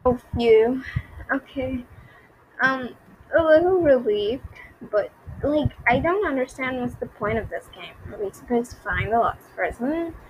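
A woman's voice: a little high, lively intonation, unhurried, a little hiss or hum, rough recording. A young woman giving nervous game commentary, repeating herself and reacting to jump scares. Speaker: gaming YouTuber.

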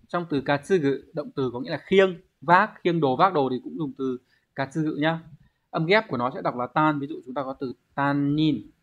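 A man's voice: a little high, muffled recording. A man teaching an online exam review lesson, explaining word readings and checking in with the class through rhetorical questions. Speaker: Japanese teacher.

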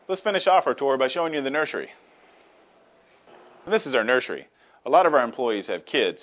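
On a lo-fi recording, a man with a medium-pitched, slightly bright voice shows visitors around a workshop and its offices. As the company's tour guide, he keeps things casual, friendly and plain, dropping in plenty of fillers.

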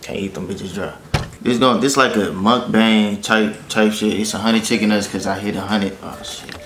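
A man's voice: lowish voice, fairly even intonation, moderate pace, fairly bright tone, reverberant, slight background noise. A nineteen-year-old man chatting casually and in slang while taking on an eating challenge. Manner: laid-back slangy talk. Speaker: YouTuber doing an eating challenge. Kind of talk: casual chat.

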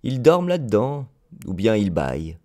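A man's voice: lowish voice, very animated, moderate pace, mellow. Weary switchman, matter-of-fact and emphatic, played by a man, storybook reading. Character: brisk weary male railway switchman.

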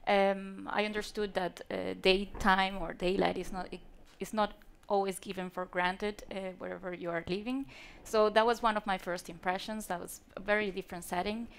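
On stage at a lighting industry event, a woman from Venezuela presents on lighting design into a handheld mic, faltering with fillers and restarts. Her mid-range voice is creaky yet clean in tone, delivered flatly at normal speed.

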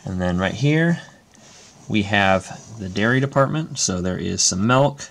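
This father has a gravelly, lowish voice with lively intonation and a measured pace. Off camera at an indoor table, he casually presents his toy-brick creation, running through a list of items with plenty of fillers.

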